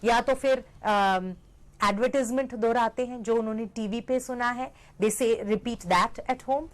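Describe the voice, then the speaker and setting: A woman's voice: a little high, fairly even intonation, a little slow. A middle-aged woman giving a lecture, explaining step by step and often checking in with "right?" and "hmm?". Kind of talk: lecture mixing Hindi and English.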